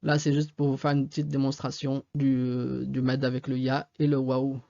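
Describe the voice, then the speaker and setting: A man's voice: medium pitch, monotone, normal speed, vocal fry, mellow, dull audio. A male teacher giving a reading lesson, patiently spelling out sounds letter by letter. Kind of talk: slow step-by-step reading lesson. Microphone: desktop USB mic.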